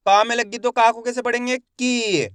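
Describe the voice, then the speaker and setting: A man's voice: very high-pitched, level tone, fast, clear, resonant tone, dry recording, clean studio sound. A young man teaching Hindi reading, stretching each syllable and quizzing the viewer step by step. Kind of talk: step-by-step lesson for learners.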